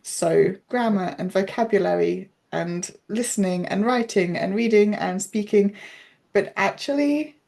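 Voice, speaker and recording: A woman's voice: mid-range voice, a little slow, vocal fry, darkish tone. A woman, a guest in a casual interview, explaining her teaching at length in a thoughtful way. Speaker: interview guest, pronunciation coach.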